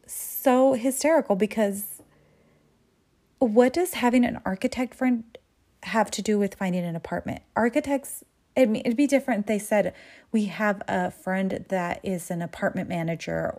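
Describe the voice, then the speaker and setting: A woman's voice: medium pitch, a little mellow. A woman casually recapping a telenovela episode, swearing freely and acting out the characters' lines with big jumps in her voice. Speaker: recap host.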